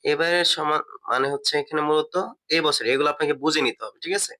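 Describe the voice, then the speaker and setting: Bright-voiced man explaining a lesson. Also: fairly high pitch, fairly even intonation, a little fast. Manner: explanatory, asks and answers his own questions; many fillers and restarts, repeats key words. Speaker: English teacher. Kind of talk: step-by-step lesson.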